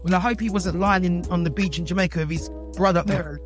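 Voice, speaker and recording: A woman's voice: fairly low pitch, steady tone, quick pace, faint music behind. A woman from London chatting casually on a podcast, exclaiming and talking points through in long run-on turns. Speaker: podcast co-host. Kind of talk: casual chat.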